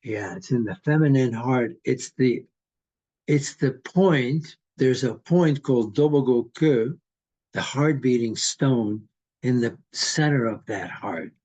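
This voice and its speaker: A man in his eighties from Hungary, talking in a slow, rambling, philosophical way in casual conversation. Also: medium pitch, a little mellow, lo-fi sound. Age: 80s.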